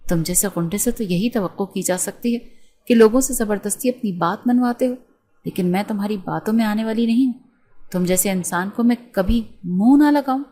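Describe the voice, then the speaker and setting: A woman voicing an angry, sharp-tongued young woman doctor who scolds with scorn. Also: mid-range voice, close to an everyday voice. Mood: furious.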